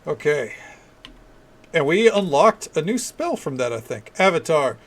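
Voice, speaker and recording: A man's voice: on the high side, big pitch swings, measured pace. A man giving casual, chatty gameplay commentary as a streamer, thinking aloud. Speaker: game streamer.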